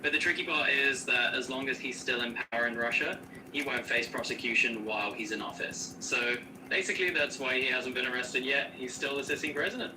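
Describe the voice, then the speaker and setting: A man's voice serving as an AI co-host, answering questions in a smooth, upbeat, explanatory way with casual slang. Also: medium pitch, brisk, distant mic, background noise. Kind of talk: conversational Q&A co-hosting.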